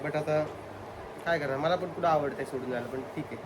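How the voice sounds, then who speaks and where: A man's voice: a little high, fairly quick, noisy background. A man chatting casually with viewers as a family vlogger. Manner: chatty, talks straight to viewers. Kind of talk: casual family vlog chat.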